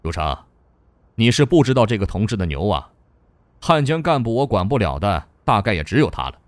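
Guy doing a stern mocking governor, pitch swings all over, dry sound. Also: sing-song, fairly quick, no echo. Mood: scolding. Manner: sarcastic, scolding. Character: stern sarcastic male provincial governor.

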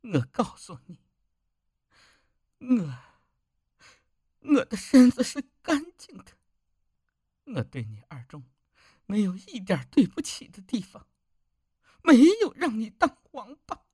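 A man voicing a young village wife, husky and pleading, in an audiobook story. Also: sits high, very animated, normal speed, mellow, dry recording, studio quality, voice pushed up, heavily acted. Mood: anguished. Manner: pleading, rising to cries. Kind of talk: audiobook character voice.

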